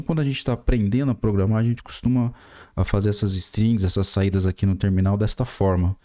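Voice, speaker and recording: A Brazilian man in his 40s, speaking with a Brazilian Portuguese accent in a fairly low, darkish voice, narrates a screen-recorded coding tutorial. He explains each step as he types, using many fillers.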